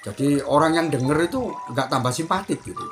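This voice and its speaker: A man's voice: a little high, lively intonation, a little fast. A middle-aged man with an East Javanese accent gives a spiritual advice talk as a teacher, repeating his points and admonishing the listener directly. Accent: East Javanese Indonesian. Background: music.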